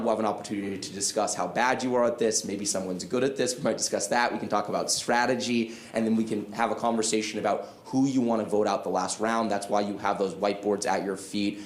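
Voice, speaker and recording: A man hosting a live trivia game show on an event stage, upbeat and explaining the rules clearly. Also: fairly low pitch, echoey room, slight background noise.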